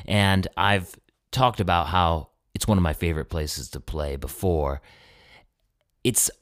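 A man's voice: low-pitched, dry recording, studio quality. A male singer-songwriter talking in a casual solo monologue, easygoing and chatty. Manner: easygoing, chatty self-promotion.

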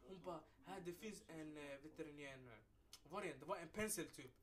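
A young man co-hosting a podcast, chatting casually and telling an animated story full of street slang and swearing. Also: fairly high pitch. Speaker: podcast co-host. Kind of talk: casual chat. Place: podcast recording room.

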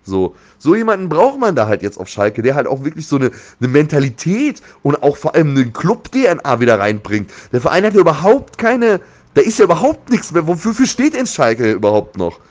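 A man's voice: on the high side, sing-song, fairly quick, a little mellow. A man chatting casually about football as an opinionated fan, with a blunt, slangy, exasperated way of griping.

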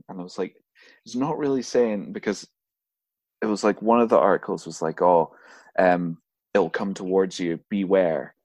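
A man's voice: on the low side, darkish tone, breathy edge, no echo. A man co-hosting a podcast, telling a story in casual chat and laughing often as he talks. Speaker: podcast co-host.

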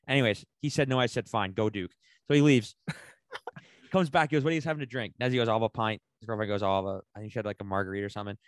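A man co-hosting a casual podcast, telling a rambling, animated story full of slang and swearing. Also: on the low side, very fast, dry recording. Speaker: podcast co-host.

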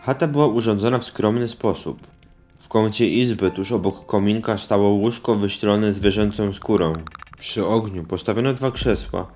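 A man narrating a scripted story in an even, measured reading. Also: on the low side. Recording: music underneath.

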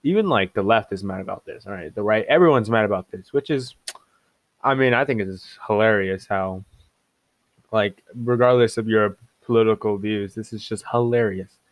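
A young man giving casual reaction commentary, excitable and mocking, often laughing and jumping up in pitch in disbelief. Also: moderate pace, no echo. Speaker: online commentator.

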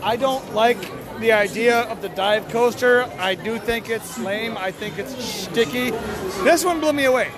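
A man with a squeaky, strained voice that is giving out, chatting enthusiastically and casually with lots of swearing as he records a podcast. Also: measured pace. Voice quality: strained, squeaky voice, losing it from yelling. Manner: enthusiastic, opinionated. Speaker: podcast host. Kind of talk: casual, sweary amusement park podcast chat. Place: outdoor theme park, on exit stairs and in queues. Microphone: handheld phone. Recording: busy outdoor crowd and ride noise.

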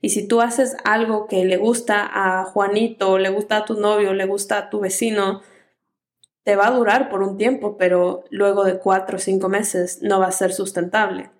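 A woman who creates online content talks through casual advice in a calm, unhurried way, sometimes softly, dropping in English words now and then. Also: medium pitch.

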